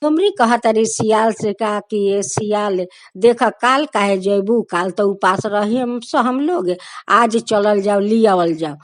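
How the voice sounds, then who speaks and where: A woman with a Bhojpuri accent tells a devotional folk tale in a sing-song storyteller's cadence. Her voice sits at an ordinary middle pitch for a woman. She speaks the characters' prayers and pleas in the same voice as her narration. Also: measured pace.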